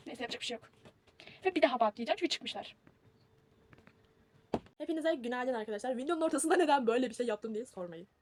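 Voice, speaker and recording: A woman's voice: on the high side, expressive, quick pace, pauses often. A young woman, rambling and teasing herself as she films a casual packing vlog. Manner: chatty, rambling, self-mocking. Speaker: vlogger.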